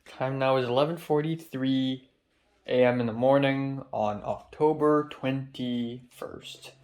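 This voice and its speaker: Young vlogger, man, voice gone deep and crackly from sleep, musing aloud. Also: measured pace, darkish tone. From Hong Kong. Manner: rambling, musing aloud to himself. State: unusually deep, crispy just-woke-up voice. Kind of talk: casual diary-style vlog.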